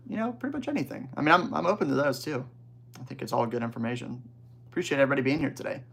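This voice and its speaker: A young man hosting a casual livestream, reading viewer chat aloud and reacting in relaxed, slangy banter. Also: medium pitch, gravelly. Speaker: livestream host.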